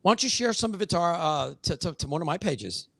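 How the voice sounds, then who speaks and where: Excitable man hosting a casual chat. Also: fairly high pitch, gravelly, slightly rough, no room sound. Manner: excitable, laughing, quick to joke. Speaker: show host. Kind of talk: casual banter on a video call.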